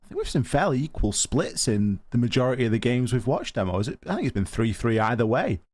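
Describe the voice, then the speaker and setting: A man working as an esports caster, giving excitable play-by-play commentary on a match. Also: medium pitch, fast talker.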